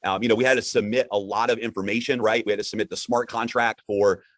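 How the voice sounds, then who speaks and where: A man with a fairly low voice hosts a live online broadcast. His delivery is conversational and upbeat, with halting phrases and repeated words. The sound is dry, with little room in it. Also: fairly even intonation, a bit bright, dry recording. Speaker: host.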